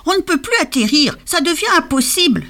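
Woman doing a high, whiny, grumbling storybook reindeer, always complaining. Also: very animated, brisk, a bit bright, full character voice. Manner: whiny, exclamatory. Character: grumpy complaining male reindeer.

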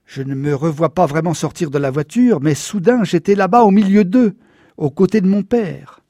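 A man reading a novel aloud in the first person, measured and somber. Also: high voice, mellow, no echo, studio quality. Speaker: audiobook narrator. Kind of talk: scripted first-person narration.

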